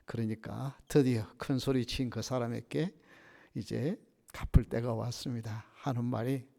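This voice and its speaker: A male pastor delivering a Sunday sermon with lively storytelling and frequent rhetorical questions. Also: medium pitch, measured pace, creaky. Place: church sanctuary. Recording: reverberant church sanctuary.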